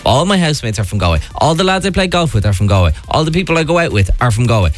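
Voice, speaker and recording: A man's voice: mid-range voice, very fast, soft background music. A young Irish man co-hosting a radio show, talking casually and poking fun at himself. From Ireland. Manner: animated, self-mocking. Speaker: radio co-host.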